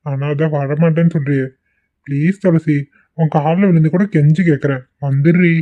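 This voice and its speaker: A man voicing a young husband in an amateur cartoon, gentle and coaxing as he pleads with his wife. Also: a little high, steady tone, normal speed, close to an everyday voice. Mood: wistful. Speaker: voice actor. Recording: tinny phone-like recording.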